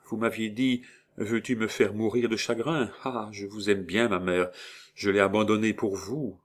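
A man voicing a young count, a grieving, guilt-ridden son, speaking quietly in an audiobook reading. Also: steady tone, moderate pace, natural voice. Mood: sorrowful. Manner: quiet, subdued, low-spoken. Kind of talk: audiobook reading of a classic novel.

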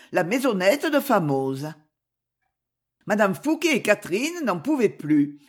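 A woman's voice: mid-range voice, husky. A woman reading a novel aloud as an audiobook, telling the story with expression. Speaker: narrator. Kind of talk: scripted audiobook narration.

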